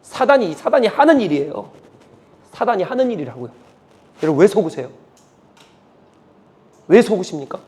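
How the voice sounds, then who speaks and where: A male pastor preaching a sermon, emphatic and repetitive, dropping from loud urging to a hush. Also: high-pitched, very animated, normal speed, long pauses, husky. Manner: emphatic, repetitive, swings between loud and hushed.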